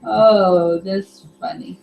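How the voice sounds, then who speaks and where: A woman's voice: medium pitch, steady tone, drawn-out words, creaky, recorded from a distance, phone-quality sound. A woman co-hosting a casual livestream, reading viewer comments aloud and laughing often. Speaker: livestream co-host reading chat. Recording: echoey room with faint hum.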